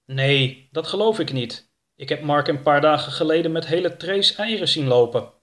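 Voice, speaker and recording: Man doing a worried careful girl, voice a bit higher than his own. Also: moderate pace, fairly bright tone, close to an everyday voice.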